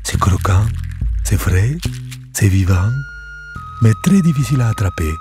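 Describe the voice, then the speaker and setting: A man's voice: sits low, measured pace, pitched below the performer's own voice. A man voicing a vain, elegant female trout with a genteel, coaxing manner in a storybook reading. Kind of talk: storybook character voice. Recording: soft music behind.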